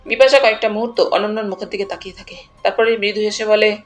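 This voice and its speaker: A woman narrating a detective audiobook in a measured storytelling manner. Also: medium pitch, steady tone. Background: faint background music.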